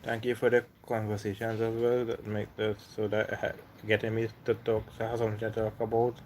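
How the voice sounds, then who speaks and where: A man with a Trinidadian accent, from Trinidad and Tobago, hosting a casual livestream chat in a relaxed way and reading out viewers' comments. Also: lowish voice, fairly quick, a little hiss or hum. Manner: relaxed, reads comments aloud. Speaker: livestream host.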